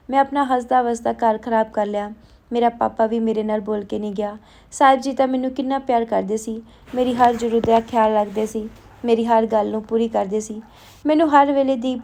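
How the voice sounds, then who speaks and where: A woman tells a family story aloud in a fairly high voice. Her tone is mellow rather than bright. She reads each character in the same steady, earnest way. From Punjab.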